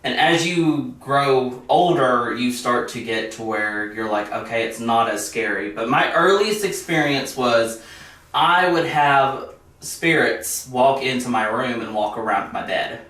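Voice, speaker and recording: A man's voice: mid-range voice, expressive, slow pace, fairly bright tone. A young man talking as a guest on a casual podcast, earnestly explaining at length. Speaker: guest, medium. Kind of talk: casual interview. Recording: very echoey room, distant mic.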